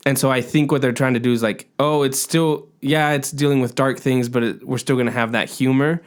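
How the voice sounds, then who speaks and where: A man's voice: mid-range voice, fairly even intonation, a little fast, clean tone. A man co-hosting a podcast in casual chat, rambling with many fillers. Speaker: podcast co-host.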